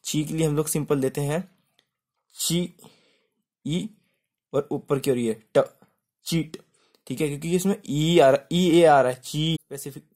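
A man's voice: fairly high pitch, fairly even intonation, measured pace, pauses often, darkish tone, slightly rough. Man patiently spelling out a shorthand lesson. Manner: spells words letter by letter, keeps saying "simple" and "okay". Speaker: shorthand teacher. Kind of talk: step-by-step tutorial explanation.

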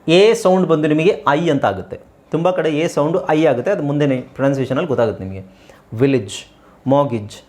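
A male teacher walks through English words one by one, saying each several times so learners can copy it. His pitch swings widely and sits a bit high. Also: a little mellow. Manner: repeats words slowly for drilling. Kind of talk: pronunciation lesson.

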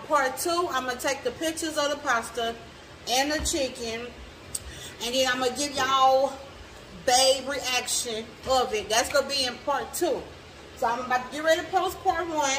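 A young woman cooks in her home kitchen and talks directly to viewers in a casual vlog, her voice pitched a little high and a bit bright. She holds her phone at arm's length, and it picks up the kitchen's echo along with plenty of background noise.

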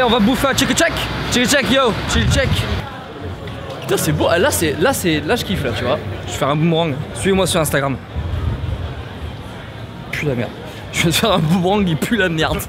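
A fairly high-pitched young man in his twenties talks straight into a handheld camera on a busy city street. He jokes and swears freely in an excitable, casual vlog tone. Traffic and street noise come through clearly behind him. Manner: joking, excitable, swears a lot. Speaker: vlogger.

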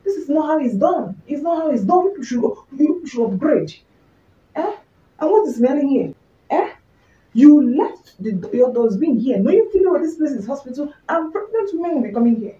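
A Nigerian woman playing a loud, fussy pregnant woman who scolds hospital staff in quick rants. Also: a little high, animated, close to an everyday voice. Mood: indignant. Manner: scolding, indignant, fast rants. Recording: roomy, distant, dull home recording.

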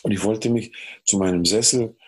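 Chilean guy with a chilean spanish accent, music producer on a podcast, husky and lowish voice, acts out voices and hums melodies. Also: normal speed. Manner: animated storyteller who hums melodies and acts out dialogue. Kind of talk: casual podcast interview storytelling.

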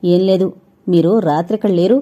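A woman voicing a young woman who speaks quietly and warily on the phone, then turns sharp and accusing. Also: fairly low pitch, steady tone, normal speed, lo-fi sound, natural voice. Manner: quiet, guarded, turning sharp.

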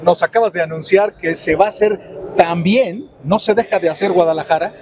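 A man's voice: sits high, brisk. A middle-aged man with a Mexican accent interviewing a guest at a trade show booth, upbeat and promotional, speaking straight to the audience. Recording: noisy expo floor ambience.

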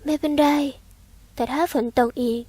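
A woman voicing a quiet, reserved young half-blood woman who speaks in soft, terse, calm lines in an audio novel. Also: normal speed, no room sound, close to an everyday voice.

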